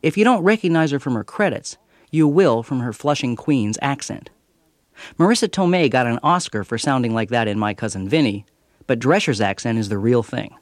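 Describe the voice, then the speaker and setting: A man's voice: medium pitch, animated, moderate pace, dry recording, studio quality. An American man reading a scripted radio review as a TV critic, with a wry manner.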